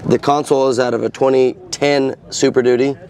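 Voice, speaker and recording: A man with a hoarse smoker's rasp, casually walking through the technical details of a truck build. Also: mid-range voice, level tone, fairly quick, a little mellow. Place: outdoors at a truck show. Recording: outdoor car show with faint noise.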